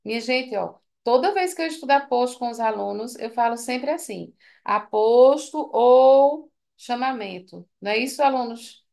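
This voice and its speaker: Woman teacher, tired, high gravelly voice, chatty exam walkthrough. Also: a little fast, few pauses, darkish tone. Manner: chatty, asks students for confirmation. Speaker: Portuguese teacher. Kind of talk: exam correction lesson.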